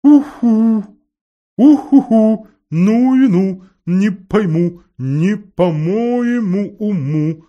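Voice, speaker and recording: A man voicing a fussy, excitable female owl that hoots and exclaims. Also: dull audio, full character voice. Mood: excited. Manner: high hooting exclamations, drawn-out words.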